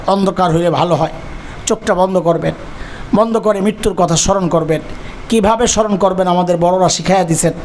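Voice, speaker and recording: A man preaching a sermon, narrating vividly and rising from a hushed, low delivery to loud, impassioned cries. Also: slight background noise. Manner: dramatic storytelling that builds from hushed to shouting. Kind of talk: Bengali waz sermon.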